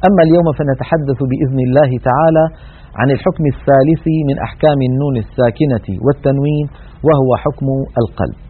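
Husky-voiced man teaching Quran recitation. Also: mid-range voice. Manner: measured, explanatory, demonstrates recitation. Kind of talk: broadcast tajweed lesson. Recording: tinny band-limited broadcast audio.

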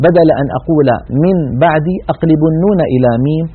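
A man teaching Quran recitation rules in a broadcast lesson, explaining in a measured way and demonstrating pronunciation. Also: on the high side, breathy edge. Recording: tinny band-limited broadcast audio.

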